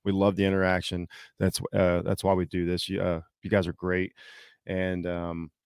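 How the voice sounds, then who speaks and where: Gravelly man with a slight Southern accent. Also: low voice, monotone, darkish tone, no room sound, studio quality. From Southeastern Ohio. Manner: halting, many fillers and restarts. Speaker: podcast host. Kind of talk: casual solo sports talk.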